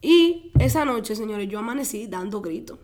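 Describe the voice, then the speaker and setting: A young adult woman, a guest, telling a personal story in an animated way, laughing often and acting out her own quotes. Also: a little high, normal speed.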